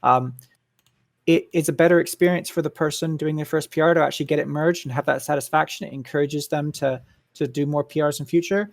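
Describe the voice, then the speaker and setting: A man at an online community meeting, explaining his views in a measured way with frequent ums. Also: fairly high pitch, steady tone, no room sound. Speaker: staff member at a community meeting. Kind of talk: casual voice chat.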